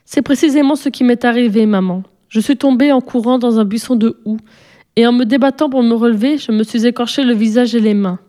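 A woman's voice: fairly high pitch, a little fast, dark tone, close to an everyday voice. A woman reading aloud and voicing a candid young boy in a storybook, explaining plainly.

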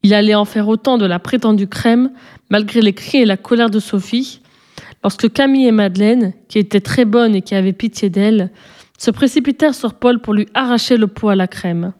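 A woman reading a children's story aloud in a gentle, measured way. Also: mid-range voice. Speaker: narrator.

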